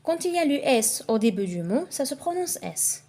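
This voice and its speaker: Woman, French teacher, warm mellow tone, patient deliberate explaining. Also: high-pitched, sing-song. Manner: slow, careful reading with switches between Arabic and French. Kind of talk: explaining a pronunciation lesson.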